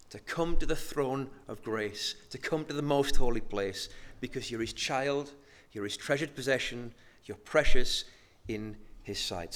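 A man preaching a sermon, moving between hushed, slow emphasis and loud, rising exhortation. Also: on the high side.

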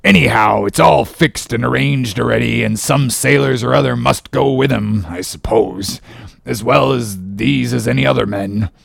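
An actor playing a ragged, ominous old sailor who talks in cryptic warnings and sometimes bursts out shouting. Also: male voice, medium pitch, normal speed, no room sound, studio quality. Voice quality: gravelly, growling. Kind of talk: audiobook drama acting.

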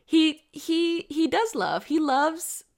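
A young woman talks through a show in a loose, rambling review, her voice sitting a little high. She gets animated, drops casual swears and slips into mocking voices for the characters. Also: takes it slowly.

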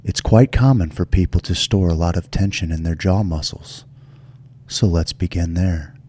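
Soft-spoken man, low and mellow, guiding meditation. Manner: soft, soothing, gentle delivery. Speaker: show host. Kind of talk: guided relaxation meditation.

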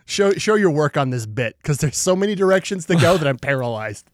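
A man co-hosting a comedy podcast, firing off deadpan jokes and silly wordplay. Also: fairly high pitch, brisk, no echo. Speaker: podcast co-host. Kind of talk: casual comedy podcast banter.

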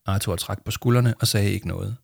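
A man reads a children's storybook aloud in a calm, storytelling manner. His voice sits low and gravelly, with a dry, close sound and no room around it. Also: dry recording. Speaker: narrator. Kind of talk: storybook reading.

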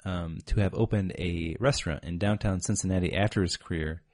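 Deep-voiced man sharing trivia. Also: fairly even intonation, a little fast, darkish tone, dry recording, clean studio sound. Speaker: podcast co-host. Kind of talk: casual chat.

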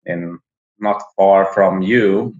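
Guest voice: low, unhurried man from Finland, halting speech, muffled echoey call audio. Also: steady tone, a little mellow. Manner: halting, frequent restarts. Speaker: podcast guest. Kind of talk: casual interview chat.

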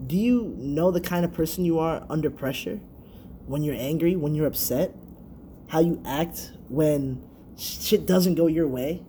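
A man's voice: on the high side, unhurried, dark tone, slight background noise. Easygoing young male co-host. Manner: easygoing, reflective, laughs along. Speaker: podcast co-host. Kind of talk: casual podcast chat.

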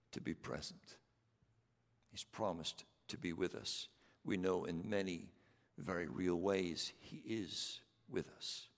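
A man's voice: on the low side, vocal fry. A man preaching a sermon as pastor, earnest and emphatic, repeating his questions to the congregation. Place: church sanctuary. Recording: long church reverb.

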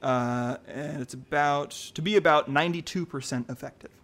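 Male trivia host, slightly high voice, chatty and upbeat, slow deliberate question reads. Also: fairly bright tone. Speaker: quiz host. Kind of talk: casual quiz hosting.

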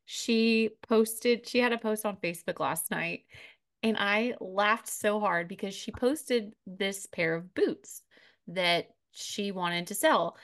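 A woman's voice: mid-range voice, slow, fairly bright tone. A woman with a mid-range voice chats casually as a podcast co-host. She tells anecdotes and laughs easily. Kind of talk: casual chat.

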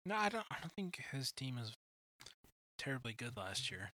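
A young man hosting a casual podcast chat, teasing and quick to laugh. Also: medium pitch, very animated, pushed and bright, dry recording. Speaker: podcast host.

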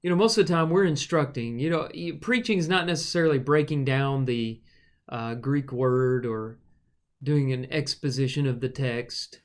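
In a casual teaching conversation on a podcast he co-hosts, a man explains Bible passages in an unhurried, thoughtful way, filling gaps often with fillers. His voice is thin and reedy, at medium pitch.

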